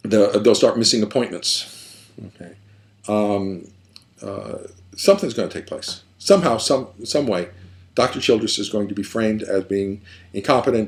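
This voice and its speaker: A man working as a therapist who explains family dynamics in a conversational, animated way and sometimes acts out the people he describes. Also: fairly low pitch. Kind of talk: explanatory talk.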